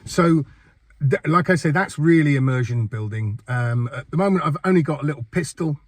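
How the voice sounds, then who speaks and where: An older gaming channel host with a cold gives a casual first-impressions game review, chatty and rambling with fillers and repeated words. His slightly high, animated voice moves a little fast with a breathy edge and no echo.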